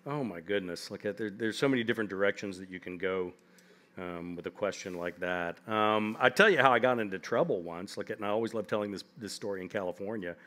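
A fifties-aged guest author entertains a seated library crowd with humorous, meandering stories packed with "like" and "you know." His voice is lowish and fairly bright, and he talks fast.

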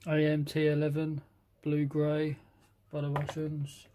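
Halting British man reading paint names. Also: fairly high pitch, monotone, warm tone, a little hiss or hum. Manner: halting, reads out paint names, admits he can't pronounce them. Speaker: scale model reviewer. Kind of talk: casual unboxing review.

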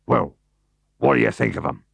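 A man reading a storybook, voicing a greedy, scheming middle-aged Roman boss in a raised, oily, drawn-out voice. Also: lowish voice, animated, vocal fry, husky, dry recording, voice pushed up, heavily acted. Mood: boastful. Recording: dull, dry recording.

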